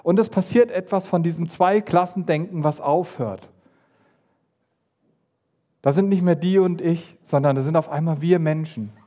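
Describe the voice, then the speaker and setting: A man giving a lively sermon, retelling a Bible story and acting out the figures with sudden asides. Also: moderate pace, pauses often. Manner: animated, acts out voices of the story with pitch jumps and asides. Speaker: preacher.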